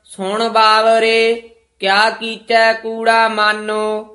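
A reader recites a hymn in an even, measured chant, drawing each line out very slowly. The voice is bright and tense and barely rises or falls. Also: medium pitch, soft background music. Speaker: student reciting scripture. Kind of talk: slow devotional recitation.

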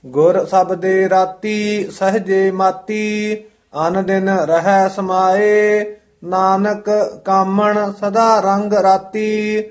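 A man reciting scripture line by line for a teacher, in a measured, chant-like reading. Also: high voice, little pitch movement, soft background music.

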